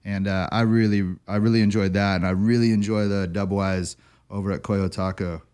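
A man's voice: on the low side, level tone, normal speed, a little mellow, clear, resonant tone. A man hosting a radio show, interviewing a guest in an easygoing, enthusiastic and respectful way.

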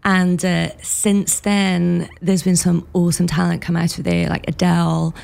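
A woman's voice: fairly low pitch, little pitch movement, measured pace, vocal fry, darkish tone. A woman from Wales, a music producer, chatting candidly as a studio guest on a radio show and laughing often. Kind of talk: casual radio interview.

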